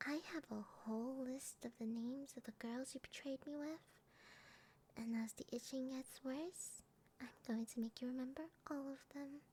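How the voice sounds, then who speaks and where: A woman voicing a sweet, eerily obsessive, sadistic young lover in a breathy, girlish whispered role-play. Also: high voice, fairly even intonation, moderate pace, warm tone, slight background noise, close to an everyday voice. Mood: gloating, cooing.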